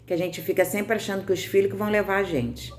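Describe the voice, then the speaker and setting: A woman's voice: mid-range voice, steady tone, fast. A woman with a Brazilian Portuguese accent giving a conversational devotional sermon. She keeps checking in with her listeners and answers their comments as she goes. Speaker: preacher.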